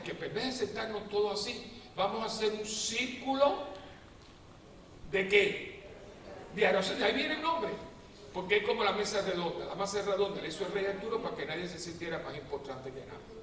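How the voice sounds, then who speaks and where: Priest, high-pitched and lively, preaching in a big echoey hall, mic far off. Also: male voice. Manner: animated storyteller, acts out quotes with humor. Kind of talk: lively preaching talk to a prayer group. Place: parish prayer assembly hall. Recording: echoey hall, distant mic, faint noise.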